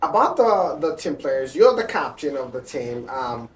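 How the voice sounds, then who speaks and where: A man's voice: medium pitch, sing-song, unhurried. A man interviewing a football captain, asking long rambling questions full of fillers. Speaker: sports interviewer. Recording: roomy, distant mic with light noise.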